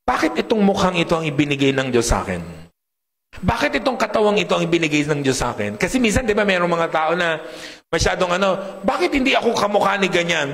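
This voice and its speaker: A man preaches with a big, deep voice, slightly raised in pitch for a man. He jokes and keeps checking in with the congregation. The sound carries a long reverb from a large hall. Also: fairly bright tone. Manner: humorous, asks the crowd often. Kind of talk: sermon.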